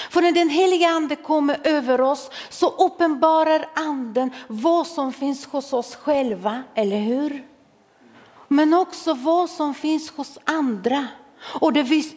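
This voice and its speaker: A woman's voice: high-pitched, darkish tone. A woman in her forties preaching a sermon to a congregation, humorous and self-mocking, laughing along with the listeners. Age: 40s. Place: church hall. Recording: long hall reverb.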